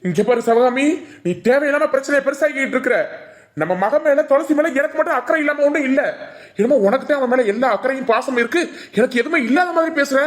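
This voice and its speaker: Woman doing a quick-talking village husband with a Ramanathapuram Tamil accent. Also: sits high, close to an everyday voice. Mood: reasoning. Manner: reasoning, calmly scolding. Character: patient middle-aged village husband and father.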